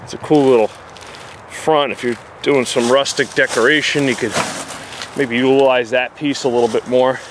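His voice sits in the mid-range with fairly even intonation and a normal speed, set against background noise. The man, an outdoor vlogger with a New Jersey accent, carries a handheld camera through the woods and casually narrates his finds in plain, filler-heavy speech.

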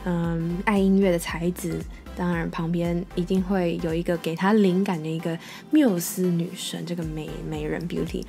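A woman with a Taiwanese Mandarin accent explaining music vocabulary in a patient lesson, repeating English terms slowly. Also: fairly low pitch, fairly even intonation, vocal fry, mellow.

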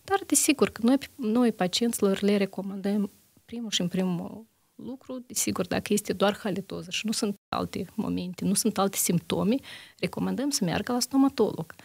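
A woman's voice: mid-range voice, creaky, a little mellow, slightly rough, no room sound. A woman internist answering interview questions on a health show, methodical, listing examples with frequent hesitations.

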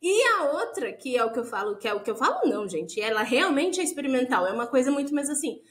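High-voiced Brazilian woman, echoey room. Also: quick pace. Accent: Brazilian Portuguese. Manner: animated, acts out quoted voices, laughs often. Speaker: teacher and podcast co-host. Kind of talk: casual podcast chat.

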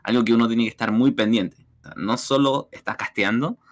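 A man's voice: medium pitch, a little fast. A man from Chile with a Chilean Spanish accent, a guest in a casual chat who explains things thoughtfully. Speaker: guest streamer.

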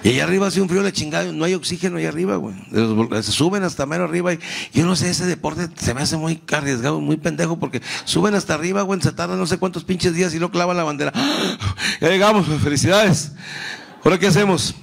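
A middle-aged Mexican man doing profane, animated stand-up storytelling. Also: fairly high pitch, quick pace, vocal fry. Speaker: comedian. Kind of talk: stand-up comedy.

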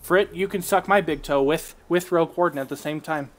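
A man's voice: a little high, brisk. A young man streaming a game, chatting casually with friends, joking crudely and swearing a lot. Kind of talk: casual gaming chat with friends.

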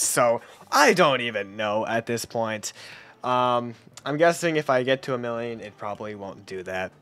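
A young man giving casual gameplay commentary, chatty and quick to laugh, often trailing off quietly at the ends of sentences. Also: medium pitch. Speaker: gaming YouTuber.

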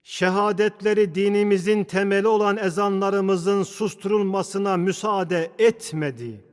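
A man preaches a Friday sermon in a fairly high voice, drawing out each phrase in a slow, solemn recitation. His words ring on in the long reverberating echo of a large domed mosque hall. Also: smooth. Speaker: imam.

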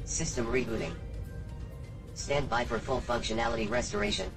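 A man voicing a malfunctioning male station computer through a crackly metallic robot filter, giving flat mechanical announcements. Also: mid-range voice, moderate pace, music in the background. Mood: droning.

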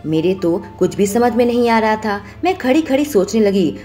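Woman storyteller reading a romance story, mid pitch, steady and expressive, faint music under it. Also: moderate pace. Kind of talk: romantic audio story narration.

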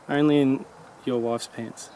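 A man's voice: mid-range voice, noisy background. A man bantering with his golf mates, teasing and laughing as he watches the shots. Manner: cheeky, teasing, laughs often. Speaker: golf vlog regular. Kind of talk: casual banter on the course. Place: outdoor golf course.

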